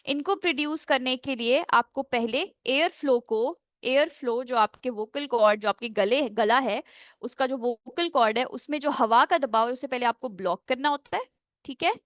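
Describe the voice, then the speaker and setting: High-voiced woman teaching pronunciation. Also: fairly bright tone, dry recording, studio quality. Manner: drills phrases slowly, syllable by syllable; mixes English into Hindi explanations. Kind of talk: online class lecture.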